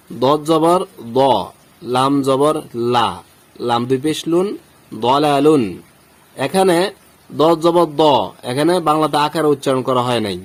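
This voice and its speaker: A male Quran teacher from Bangladesh explains pronunciation rules slowly and patiently. He repeats every example, and his pitch sits at an ordinary middle level. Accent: Bangladeshi Bengali. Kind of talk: step-by-step tajweed lesson.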